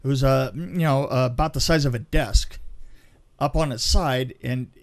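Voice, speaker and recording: A seasoned film crew veteran with a mid-range voice recounts stories on a podcast. He talks casually and animatedly, with frequent halts.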